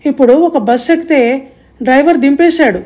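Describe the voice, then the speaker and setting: A woman's voice: high-pitched, normal speed, mellow, voice pushed up, natural voice. Woman doing a muddled old uncle in his seventies. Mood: confused. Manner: vague, rambling, muddled. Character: confused forgetful old man, uncle in his late seventies.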